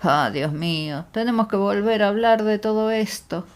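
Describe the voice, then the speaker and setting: Mujer haciendo de médico jovial y efusivo. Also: female voice, medium pitch, normal speed, natural voice. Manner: effusive, exclamatory. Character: jovial exuberant male country doctor.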